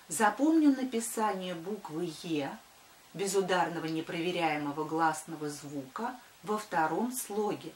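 An older woman, a primary school teacher dictating to children deliberately and sounding out words by syllable. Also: on the low side, darkish tone, slight background noise. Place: small wood-panelled room indoors. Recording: echoey room.

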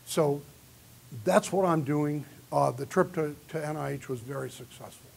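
Recorded from a distant camera in the audience, the keynote speaker lectures earnestly in a large conference hall and takes questions. His voice is on the high side and husky, with vocal fry, at a normal speed.

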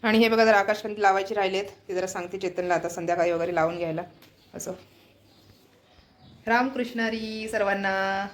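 A woman's voice: medium pitch, little pitch movement, fast talker. A woman from Maharashtra chatting casually to viewers as she shows around her home, keeping up a running commentary. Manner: chatty, keeps pointing things out to viewers. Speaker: family vlogger. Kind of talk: casual home vlog narration. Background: background music.

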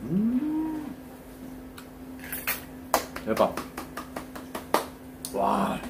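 A man's voice: high voice, huge pitch swings, very slow, slight background noise. A man in a casual eating vlog, talking while chewing with his mouth full and exclaiming over the food. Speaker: cooking and eating vlogger. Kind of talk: casual eating show talk. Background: music.

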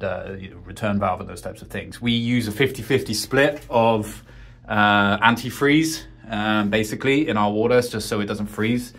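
Man, fairly low voice, casual homeowner vlog, rambling with lots of ums, practical talk, cramped crawl space. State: out of breath after crawling. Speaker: homeowner showing his heating system.

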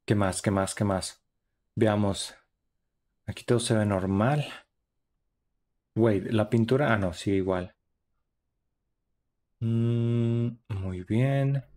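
A man's voice: lowish voice, slow, long pauses, a little mellow. A young man, giving chatty, upbeat running commentary while streaming a horror game. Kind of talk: live gaming stream commentary.

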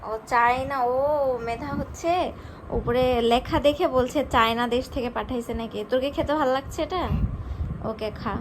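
A woman's voice: high voice, moderate pace, noisy background. A woman family vlogger chatting playfully and teasing friends as she films her day. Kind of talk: casual vlog chat. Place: outdoor fair and home.

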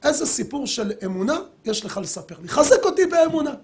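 A middle-aged man, a rabbi, giving a sermon and telling a story, acting out the quoted dialogue with lively voices. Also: extremely high pitch. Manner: animated storyteller who acts out quoted dialogue.

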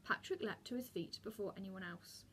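A woman, a teacher, reading a children's book aloud with steady narration and small slips. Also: mid-range voice, fairly quick, slight background noise.

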